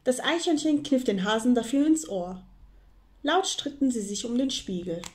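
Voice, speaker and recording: A woman reading a children's storybook aloud, with gentle, clear storytelling. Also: a little high, animated, normal speed. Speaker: reader of a children's book.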